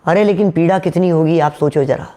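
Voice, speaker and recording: A man giving a devotional sermon, asking his listeners questions and sometimes singing verses slowly. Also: on the high side, mellow. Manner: rhetorical, questions the audience, sings verses slowly. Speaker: Jain preacher.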